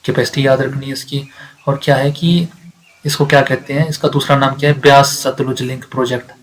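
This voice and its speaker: A man teaches exam material fairly quickly, his mid-range voice flat, on a low-quality recording. He goes over key facts repeatedly, questions and answers himself, and mixes in English readings as he explains.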